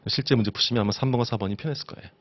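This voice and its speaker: A man's voice: mid-range voice, very fast, dull audio. A man teaching an exam-prep lecture, constantly asking his students rhetorical questions. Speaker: instructor.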